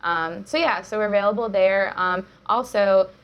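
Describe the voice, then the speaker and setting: A woman's voice: mid-range voice, normal speed, clean tone, muffled recording. A young woman, a jiu-jitsu coach, talking as a guest in a casual chat, upbeat and full of fillers and laughs.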